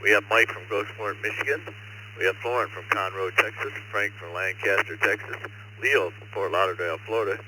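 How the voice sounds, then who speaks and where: A man's voice: lowish voice, steady tone, a little fast. A man working as net controller, running an amateur radio check-in net in a courteous, procedural way over two-way radio. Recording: very noisy ham radio link.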